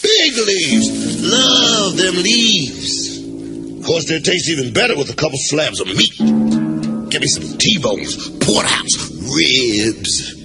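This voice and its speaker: An actor playing a huge, folksy, boastful giant sloth who loves meat, in an animated cartoon. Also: male voice, fairly high pitch, slow pace, loud music behind the voice, full character voice. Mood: boastful, relishing. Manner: folksy, drawling, blustering.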